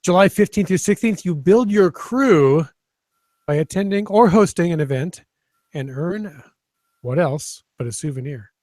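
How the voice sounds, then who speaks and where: A man co-hosting a casual podcast who talks in a wry, teasing way and rambles now and then. His voice sits a little high. The recording is dry and close. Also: expressive, unhurried, a little mellow, no echo. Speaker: podcast co-host. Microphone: video call.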